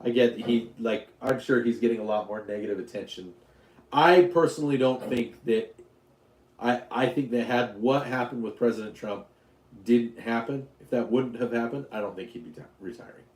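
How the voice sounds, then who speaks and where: A man's voice: mid-range voice, moderate pace, darkish tone, reverberant. A man from Utah hosting a casual live stream, rambling, joking and answering questions from his chat. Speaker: YouTube livestream host.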